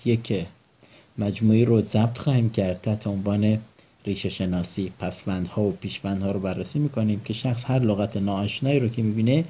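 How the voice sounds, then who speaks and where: A man's voice: on the low side, fairly even intonation, mellow, husky. A man teaching English vocabulary, quizzing his students and having them repeat each word back. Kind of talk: vocabulary lesson with call and response drills.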